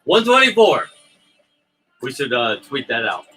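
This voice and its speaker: A man's voice: mid-range voice, very animated, a little slow, a bit bright, slightly rough, soft background music. A man co-hosting a casual livestream, bantering in a joking, teasing and rambling way. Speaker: livestream co-host promoting a crowdfunding campaign.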